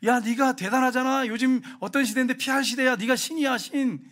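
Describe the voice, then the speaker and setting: A pastor putting on a sly coaxing devil. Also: male voice, very high voice, steady tone, a bit bright, voice pushed up. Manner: drawn-out, wheedling, urging. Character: sly coaxing male devil tempting to boast.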